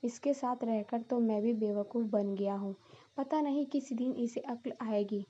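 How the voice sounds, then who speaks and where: A woman's voice: on the high side, fairly even intonation, normal speed, dark tone, husky, highs cut off. Woman doing an exasperated young husband.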